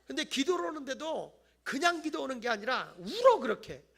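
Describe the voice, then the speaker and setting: A middle-aged male pastor giving an animated Friday night sermon in a church, acting out whiny voices and shouting. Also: very high-pitched, a little fast, gravelly. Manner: animated, acts out voices of people he tells about, mock-whines and shouts. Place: church sanctuary.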